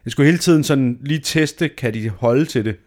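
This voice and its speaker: A man's voice: medium pitch, a little mellow. A man in his thirties telling a dramatic, self-mocking story in a casual chat, swearing freely.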